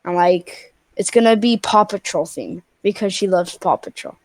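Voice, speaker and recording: Heard as a woman's voice on the low side at normal speed, this roughly twelve-year-old Spanish girl is a stranger chatting on a video call. She says "like" a lot and keeps restarting.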